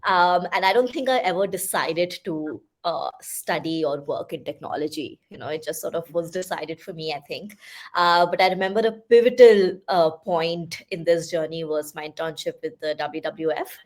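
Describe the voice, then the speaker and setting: Low-pitched and at a moderate pace, a young woman with an Indian English accent and Hindi as her first language speaks as a podcast guest. The talk is a conversational interview, and she thinks aloud about her path, filling it with asides and fillers.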